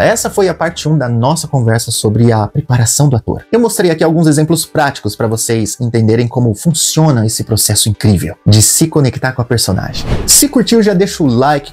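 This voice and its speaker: A man, giving an energetic step-by-step acting lesson straight to the viewer. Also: mid-range voice. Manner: energetic, addresses the viewer directly with step-by-step prompts. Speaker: acting coach. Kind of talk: instructional video monologue.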